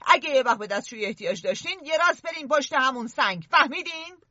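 A woman's voice: sits high, animated, bright, forceful tone, no echo, muffled recording, heavily acted. Ralph, an earnest boy chief voiced by a woman. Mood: lecturing. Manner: lecturing, scolding.

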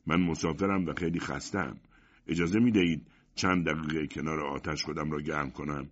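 A lonely, fearful monster, as a male reader puts him on, speaking in a very low voice with humble, anxious politeness. It is a storybook reading on a dull, lo-fi recording. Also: fairly even intonation. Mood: pleading.

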